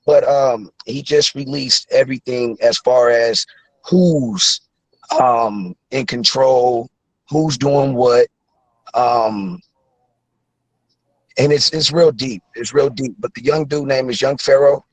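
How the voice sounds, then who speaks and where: A man's voice: medium pitch, slow, dry recording, low-quality recording. Earnest rambling man in his thirties. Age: 30s. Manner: earnest, rambling with many fillers. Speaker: caller. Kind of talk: casual call-in chat.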